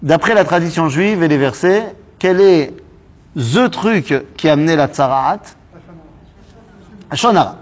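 A man leads a Torah lesson with a slightly high voice that swings widely up and down. He fires off rhetorical questions and drops Hebrew terms into his explanations. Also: animated, measured pace, pauses often. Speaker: Torah teacher. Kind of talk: lively Bible study lesson.

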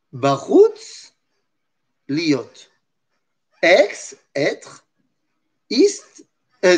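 A man giving a religious Torah lesson, asking rhetorical questions and answering them himself, with Hebrew terms woven into his speech. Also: high-pitched. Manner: mixes Hebrew terms into French. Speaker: Torah teacher.

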